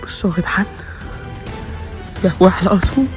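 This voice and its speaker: A young man with an Egyptian Arabic accent, narrating a spooky walkthrough in a hushed, frightened way. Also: high voice, a little fast. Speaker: vlogger. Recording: music playing underneath. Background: music.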